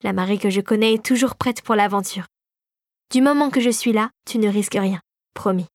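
A woman reading a storybook aloud and voicing an elderly male inventor, an uncle who speaks in a hushed, slightly lowered tone. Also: a little fast, no echo, studio quality, lightly acted. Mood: reassuring.

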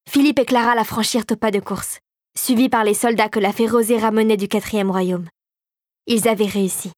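A woman narrating a fantasy audiobook, her voice on the higher side and delivered steadily and expressively. The sound is close and dry, with no room echo at all. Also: darkish tone. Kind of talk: scripted narration.

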